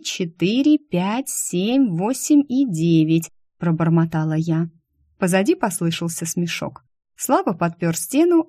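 Low, mellow woman reading wryly. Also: no echo, studio quality. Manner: wry, ironic storytelling. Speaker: audiobook narrator. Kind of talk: first-person audiobook narration.

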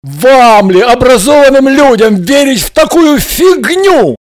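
A man voicing a hot-tempered young man who shouts and barks, a little away from the mic. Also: extremely high pitch, lively intonation, unhurried, no echo, studio quality, voice pushed up. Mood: furious. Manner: shouting, barking.

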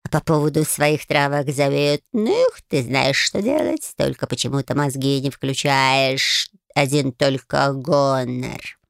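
A woman voicing a grumpy, sarcastic male cat familiar who drawls his mocking remarks in a gravelly voice. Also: a bass voice, expressive, unhurried, dry recording, clean studio sound, exaggerated voice. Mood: grumbling. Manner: mocking, exasperated.

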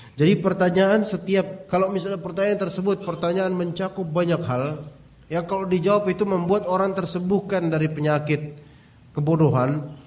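High-voiced male Islamic teacher, casual. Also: darkish tone. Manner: casual, joking, tells anecdotes; addresses audience directly. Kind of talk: religious study lecture. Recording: dull lo-fi recording.

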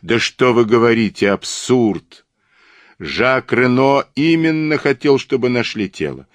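A man's voice: medium pitch, expressive, unhurried, no room sound, voice pushed up, lightly acted. A man reading as a boastful, triumphant police detective. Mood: insistent. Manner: mocking and insistent.

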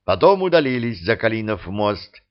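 A man narrating an audiobook in scripted, expressive storytelling, in a dull lo-fi recording. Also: on the low side, moderate pace.

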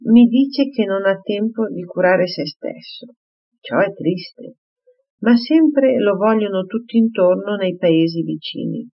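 A reader with a high, pushed-up voice takes an unhurried pace to play an older father who is anxious and doting. The audiobook recording is slightly muffled, and he fusses loudly.

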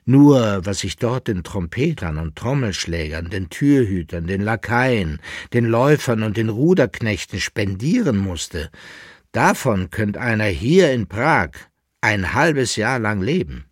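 A man's voice: lowish voice, very animated, a little slow, no room sound, studio quality. A man reading as a proud returning son. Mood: earnest. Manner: insistent, earnest. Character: worldly man returned from abroad, proud, composed.

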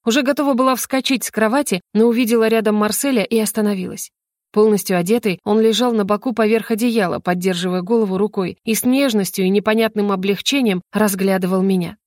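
An audiobook narrator, a woman with a mid-range voice, reads a fantasy novel told in first person. Her scripted narration is even and measured, captured in a dry, studio-quality recording.

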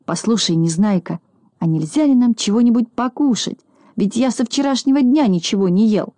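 A woman's voice: on the high side, moderate pace, warm tone, dry recording, pitched above the performer's own voice, natural voice. A woman doing a timid, greedy little boy. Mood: whiny. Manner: mumbling, timid, whiny.

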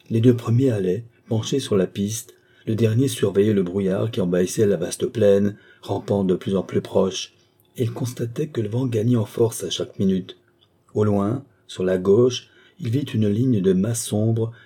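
A man narrating an audiobook of a fantastic tale in a measured, even way. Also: fairly low pitch, slightly rough.

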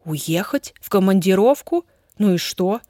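A woman reading the part of a worried middle-aged mother who questions everyone quickly, in a dry recording. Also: medium pitch, expressive, dark tone, dry recording, natural voice. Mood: anxious.

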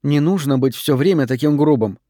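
A gentle teenage girl , as a male narrator puts her on, her voice lifted in pitch and kept soft and earnest. The sound is dry and close. She comes across as sincere and pleading in this storybook reading. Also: fairly quick, no echo, lightly acted.

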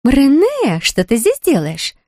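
A woman reading an audiobook, voicing a breathless, gushing socialite woman who coos in a high voice. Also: fairly quick, a little mellow, dry recording, studio quality, lightly acted. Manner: high cooing gush.

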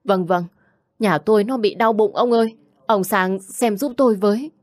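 Woman putting on a frantic old peasant father, high and loud in his cries, pleading, storybook tale. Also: moderate pace, dry recording, clean studio sound, close to an everyday voice. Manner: pleading, crying out in panic. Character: desperate poor old village man, father.

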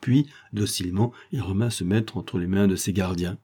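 Male audiobook narrator, low-pitched, dark mellow tone, steady and measured. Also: slightly rough.

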